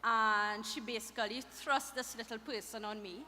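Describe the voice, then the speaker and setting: A woman's voice: a little high, fairly even intonation, normal speed, pushed and bright, faint music behind. A middle-aged woman giving a chatty, laughing toast at a wedding reception. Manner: chatty, laughs between phrases. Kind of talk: casual wedding speech. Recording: reverberant hall with faint ambience.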